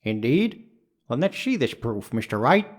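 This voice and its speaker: Speaking formally and ponderously, a man plays a pompous old judge who is easily baffled, in a dubbed courtroom game. His mid-range voice swings widely in pitch and moves a little slowly. He sounds pondering, asking puzzled questions.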